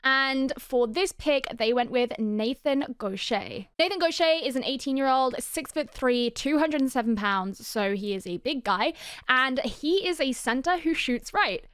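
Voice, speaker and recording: A young woman with a fairly high, smooth and clear voice talks through hockey picks in a loose, chatty way. She reads out player stats, then riffs on them, full of ums and restarts. The sound is close and dry, with no room around her. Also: animated, a little slow, a bit bright, no echo. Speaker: hockey video creator. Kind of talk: casual sports analysis.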